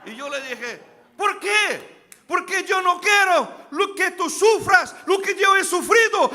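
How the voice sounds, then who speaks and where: In a church sanctuary, a Brazilian-born pastor preaches a sermon in Spanish with a Brazilian accent, his male voice fairly high and gravelly. He swings between quiet storytelling and loud, shouted exhortations, calling out to the congregation.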